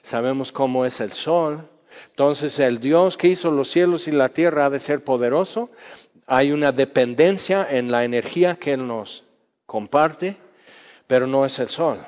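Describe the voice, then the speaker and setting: Preacher in a reverberant hall. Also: male voice, mid-range voice, unhurried. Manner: conversational, acts out quoted voices with dramatic drops to a hush. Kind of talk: sermon. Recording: dull sound with long hall reverb.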